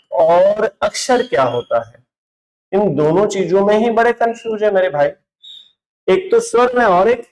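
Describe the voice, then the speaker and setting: Man, high-pitched voice, Hindi grammar teacher, online lesson, asks and answers his own questions, mixes in English words. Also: darkish tone, low-quality recording. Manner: repeats questions and answers them himself, addresses students as brother. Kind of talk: classroom-style online lesson.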